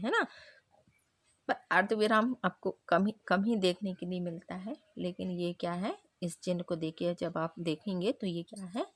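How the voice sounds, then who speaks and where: A woman's voice: lowish voice, no echo. A woman teaching a grammar revision lesson who keeps asking the class questions and answering them herself.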